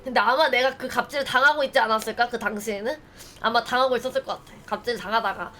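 High-voiced woman streamer chatting playfully. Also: fast, fairly bright tone, a little hiss or hum. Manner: playful storytelling, acting out scenes with bursts of laughter. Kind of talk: casual chat with viewers.

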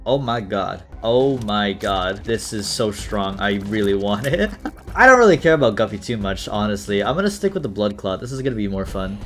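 Excitable young man commentating a game. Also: lowish voice. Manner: excitable, laughs often, talks to himself and the game. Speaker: gaming YouTuber. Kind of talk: casual gameplay commentary.

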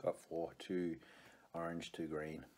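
A middle-aged man chatting casually to a camera on the table while eating sour candy, pausing and reacting as he tastes. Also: deep voice, flat delivery, darkish tone. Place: small room indoors. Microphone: camera on the table in front. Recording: clear background noise, crinkling wrappers.

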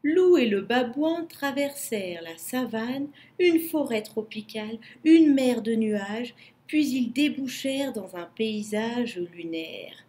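A woman narrating a children's storybook in a slow, expressive way. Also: on the high side.

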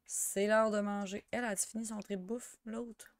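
A young woman with a Quebec French accent chatting through a life-sim game, excitable and sprinkling in English slang. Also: medium pitch, moderate pace, dry recording, studio quality. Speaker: gamer. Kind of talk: let's play commentary.

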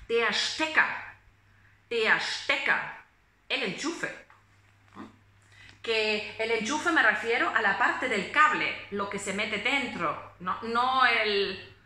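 A woman in her late twenties, a phonetics teacher, giving a pronunciation lesson with slow, deliberate explanations and hesitant fillers. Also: a little high, sharp tone, echoey room. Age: late 20s. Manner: reads German prose aloud in a measured voice. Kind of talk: German phonetics lesson in Spanish.

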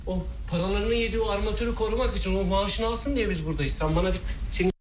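A volatile sailor with a high-pitched male voice, taunting and threatening, ready to snap, as an actor plays him. His lines are set over a faint hum of ambience. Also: quick pace, natural voice. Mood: ranting. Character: volatile, menacing stranded sailor. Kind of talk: film drama acting.

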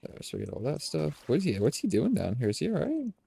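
A young man's creaky, nasal voice, a little high with a breathy edge, moves at a quick pace as he streams games from his home room. Wearing a headset, he casually commentates for viewers, relaxed and calling them "boys."

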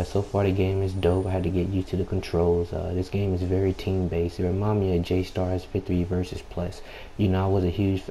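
A young man with a low, subdued voice giving unhurried, laid-back, slangy casual gameplay commentary. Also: dark tone. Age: young adult. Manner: unhurried, laid-back, slangy, frequent "you know" filler; keeps clearing throat. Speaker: gaming YouTuber. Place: at home late at night, people nearby. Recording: home mic with background noise.

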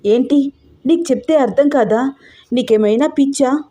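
A woman reads as a frightened young wife in a storybook audio drama, pleading and near tears. Her voice sits a little high but stays mellow and soft-edged. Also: normal speed. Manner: pleading, tearful outbursts. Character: troubled young married woman, fearful and pleading.

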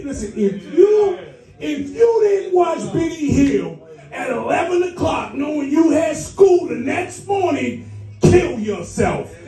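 A man from Boston doing a loud, crude stand-up set, shouting at the crowd in a comedy club. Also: very high-pitched, far from the mic. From Boston, US East Coast. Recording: roomy club sound from afar, music.

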